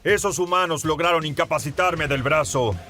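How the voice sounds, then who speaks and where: A cold, commanding angel of war, as a man puts him on for a narrated fan story. He speaks seriously and with authority, in a fairly high male voice over faint music. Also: normal speed, pushed and bright. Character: stern, imperious male angel warrior.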